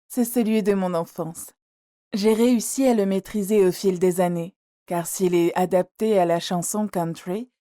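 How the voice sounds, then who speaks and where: A woman's voice: mid-range voice, lightly acted. Woman voicing a playful cultured young singer. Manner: polite, gently playful. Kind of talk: audiobook character reading.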